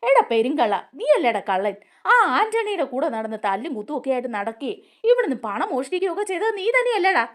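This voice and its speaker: A woman's voice: high voice, big pitch swings, fast talker. A woman voicing an angry young man from a serial who is accusing a woman in heated tones.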